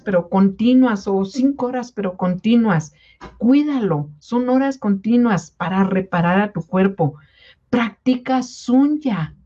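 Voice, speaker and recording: A woman gives a casual wellness talk, speaking in a mellow, warm tone. She coaxes her listeners and keeps checking in with them. The recording sounds a little dull and muffled. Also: medium pitch. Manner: coaxing, repeats "¿sí?" to check in with listeners. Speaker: wellness product presenter. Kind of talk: informal health talk to distributors.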